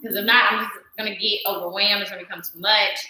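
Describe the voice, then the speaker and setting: A woman guest in a casual conversation who tells stories in an animated way, laughing often. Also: medium pitch, very echoey, low-quality recording. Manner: animated, laughing, quick storytelling. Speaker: guest, yoga teacher. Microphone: video call.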